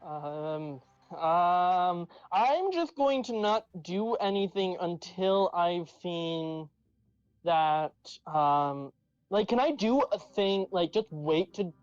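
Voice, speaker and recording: Halting tabletop player, dull lo-fi sound. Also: medium pitch, lively intonation, clear, resonant tone, no echo. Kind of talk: casual game chat. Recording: dull lo-fi sound, background music.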